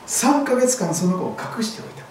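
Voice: mid-range voice, sing-song, brisk, darkish tone, a little hiss or hum. A pastor giving a sermon, telling a scripture story vividly. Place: church hall. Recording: very echoey hall, voice far from mic.

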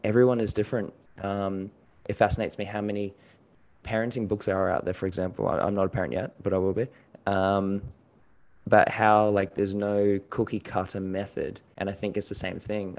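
Young male interview guest from New Zealand, fairly deep voice, thoughtful, sincere, matey and casual. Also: darkish tone. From New Zealand, moved to Australia at five. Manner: earnest, introspective, informal with "mate" and "man". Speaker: podcast guest, customer experience designer. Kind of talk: reflective personal interview.

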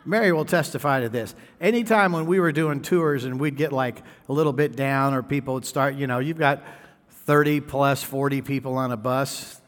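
Joking preacher in a reverberant hall. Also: male voice, medium pitch, normal speed. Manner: joking, mimics people and sings snatches of songs. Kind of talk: sermon with storytelling. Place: church hall.

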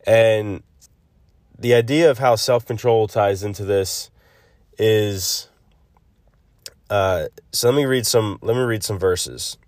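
A man hosting a casual solo devotional podcast, thinking aloud haltingly, recorded on a phone's built-in mic instead of a proper microphone. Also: fairly low pitch, a little mellow, no room sound. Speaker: podcast host. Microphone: built-in phone mic, no separate microphone. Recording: close, dry phone recording.

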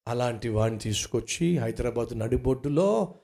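A man's voice: mid-range voice, lively intonation, moderate pace, vocal fry, warm tone. A man preaching an impassioned sermon as pastor in a church hall, repeating lines with rising force.

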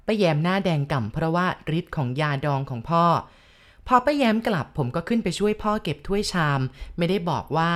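A woman giving a calm, measured scripted narration of a ghost story. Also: fairly low pitch.

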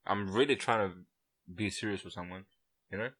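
Twenties guy on a podcast, low voice, chill, keeps saying bro and you know. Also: a little fast, fairly bright tone, breathy edge. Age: 20s. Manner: laid-back, laughs often, says "bro" and "you know". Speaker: podcast co-host. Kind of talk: casual chat.

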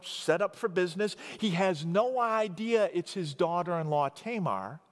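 Male preacher, high voice, casual storytelling sermon, big reverberant hall. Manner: storytelling, conversational retelling with dramatic emphasis.

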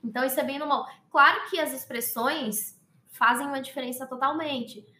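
A woman explaining sign language in a casual conversation, very expressive and animated as she talks. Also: high-pitched, normal speed, roomy sound, a little hiss or hum.

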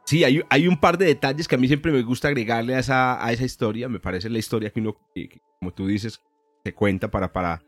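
Man hosting, medium-pitched voice. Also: quick pace, no echo, soft background music. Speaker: podcast host, physics professor. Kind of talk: casual, educational science chat.

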